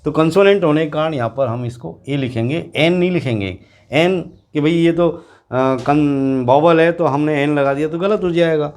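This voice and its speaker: A man teaching an English grammar lesson to students, explaining slowly and repeating example words. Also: a little high, a little mellow. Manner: slow, repetitive explaining, addressing students directly.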